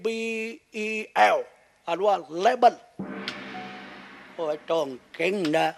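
A man's voice: a little high, measured pace, vocal fry, slight background noise. A man with a Southern Thai accent, a shadow puppet master telling crude comic stories with jokes and laughs. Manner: crude, joking storytelling with laughs.

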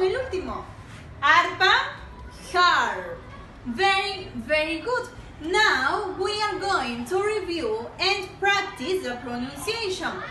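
A young woman, a teacher giving a slow bilingual lesson to young children, coaxing them to repeat each word in a sing-song way. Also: very high voice, bright, forceful tone, slight background noise. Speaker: primary school English teacher. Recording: echoey room, voice a bit distant.

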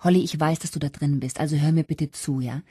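A woman's voice: low voice, fairly even intonation, fast talker, dark tone, husky, no echo, studio quality. A woman voicing a young woman friend who coaxes urgently through a toilet door in an audiobook. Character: young woman friend, soothing then fierce.

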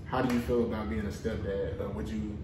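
A man's voice: lowish voice, flat delivery, brisk. A man of twenty-one hosting a casual podcast chat among friends, laid-back and slangy, asking the questions. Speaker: podcast host. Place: small room with bare walls, indoors. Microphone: far camera. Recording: echoey room, distant mic, noise.

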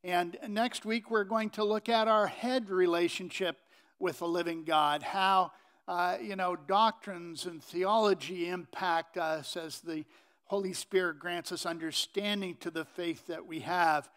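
A middle-aged man preaching from a pulpit in a church sanctuary, unhurried and halting with many fillers. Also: high-pitched, fairly even intonation, fairly bright tone, clean tone. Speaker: pastor. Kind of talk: sermon.

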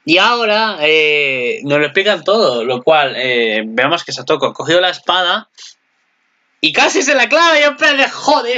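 A young man talks through an anime episode in loose, rambling commentary, jumping into excited outbursts. His voice sits a bit high and sounds bright and forceful. The home recording is dull and lo-fi. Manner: excitable, rambling, jumps to loud exclamations. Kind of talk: casual video commentary.

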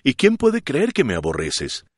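A man voicing a kind, gentle young lady in an audiobook, speaking in a pleading, anxious way. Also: medium pitch, huge pitch swings, normal speed, dry recording, clean studio sound, voice pushed up. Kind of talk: audiobook character reading.

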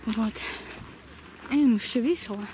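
A woman's voice: on the high side, measured pace, mellow. A young woman with a slushy lisp, chatting casually into a handheld camera as she walks outdoors. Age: young adult. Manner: lisping, slushy sh for s. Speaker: vlogger. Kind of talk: casual chat while walking. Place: outdoors, walking along a village street. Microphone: handheld camera at arm's length. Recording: noisy outdoor camera recording.

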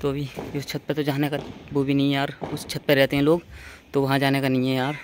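Outdoors on open rooftops, a young man vlogs in a mid-range voice, talking fast with a completely flat delivery. The handheld recording is noisy and open-air. His casual commentary repeats itself, and he speaks to his viewers as if they were friends.

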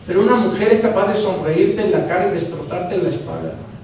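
Man, pastor, animated sermon, booming echo, faint hiss behind. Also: fast. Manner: animated, acting out dialogues with humor. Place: church sanctuary. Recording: very echoey church from a distance, faint noise.

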